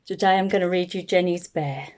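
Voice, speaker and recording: With a voice on the low side, a woman reads a children's picture book aloud, telling the story expressively and deliberately.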